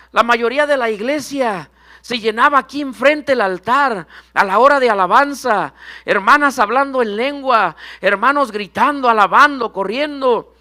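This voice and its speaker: High-voiced fervent preacher. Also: male voice, pushed and bright. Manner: fervent preaching, often addressing the congregation directly. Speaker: minister. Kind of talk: Pentecostal sermon. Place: church sanctuary.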